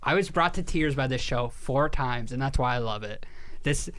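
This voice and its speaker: A man co-hosting a podcast in casual chat, telling a story with lively energy, swearing casually and laughing at himself. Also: mid-range voice, normal speed. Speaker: podcast co-host.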